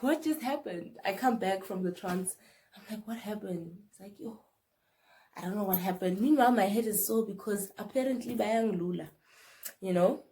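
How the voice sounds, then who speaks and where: A young South African woman with a South African accent, telling a personal story to camera in an animated way and mixing in local words. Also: medium pitch. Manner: animated, mixes in Zulu and Sotho words, swings between loud and hushed. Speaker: vlogger.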